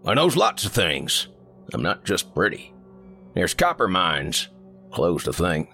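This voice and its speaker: A man's voice: low-pitched, wildly swooping pitch, slow, gravelly, sharp tone, faint music behind, full character voice. A man voicing a folksy male trucker on the CB radio, a joking talker who slips up his grammar. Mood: chatty. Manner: drawling, homespun talk with slipped grammar.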